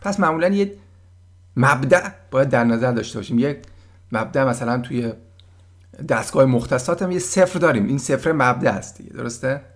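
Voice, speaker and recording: A man giving a casual German lesson, patiently explaining words and sounding them out slowly. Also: mid-range voice, animated. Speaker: German language teacher.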